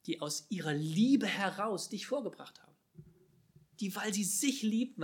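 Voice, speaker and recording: Emphatic male preacher, slightly high voice. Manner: emphatic, swings between loud calls and quiet asides. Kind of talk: sermon.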